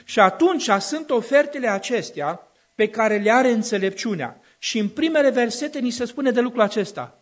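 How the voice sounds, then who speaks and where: A male preacher with a notably high voice delivers a sermon to a congregation. His cadence is emphatic and repetitive, building into loud declaiming passages. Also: animated. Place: church hall with a congregation of a few dozen.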